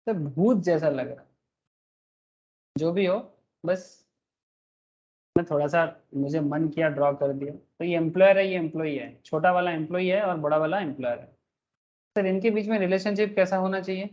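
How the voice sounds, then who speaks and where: A man's voice: a little high, normal speed, pauses often, a little mellow, highs cut off. A male teacher giving a tax class online, joking at his own drawings, calling his students "sir" and mixing in English terms. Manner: joking, self-mocking, calls students "sir".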